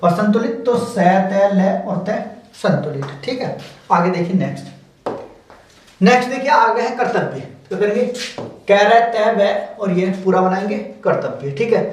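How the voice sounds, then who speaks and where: Animated and high-pitched, this man walks through a stenography lesson step by step at a moderate pace, patiently repeating every word as he explains shorthand. Slight background noise, heavy echo, and a distant mic color the recording.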